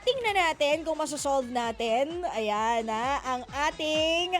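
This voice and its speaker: High-pitched playful Filipina radio host. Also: female voice, animated, slow pace, a bit bright. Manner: playful, teasing, laughs often. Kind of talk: casual radio advice segment.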